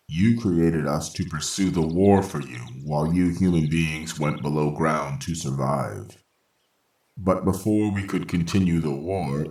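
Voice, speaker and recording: In an old-time radio science fiction play, a man voices a composed robot caretaker. His low, darkish voice rings in a roomy echo, and his phrasing is formal, logical and very unhurried, with a measured, matter-of-fact manner.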